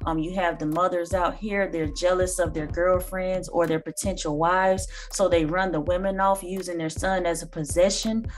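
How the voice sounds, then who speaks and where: Her voice sits on the low side, steady and at normal speed with few pauses. This reaction-channel host in her thirties delivers earnest, lecture-like commentary, dropping the odd um, and was recorded indoors in a small room on a phone or webcam.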